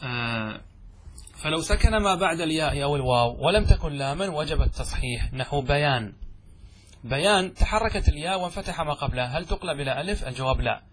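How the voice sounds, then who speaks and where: A man's voice: a little high, expressive, fast, a bit bright, slight background noise. A middle-aged man teaching classical grammar, explaining step by step and answering his own questions. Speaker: sheikh teaching Arabic grammar.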